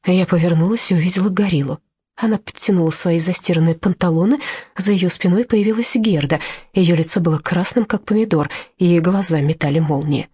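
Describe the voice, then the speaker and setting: A woman narrating an audiobook in first person with expressive storytelling. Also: fairly low pitch, a little fast, slightly rough, no echo.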